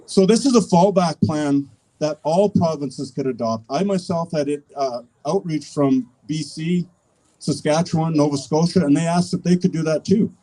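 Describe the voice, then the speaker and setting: Mellow-voiced Canadian man giving a rally speech. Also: fairly high pitch, moderate pace, a little hiss or hum, rough recording. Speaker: political activist speaker. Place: public rally, speaking to an audience.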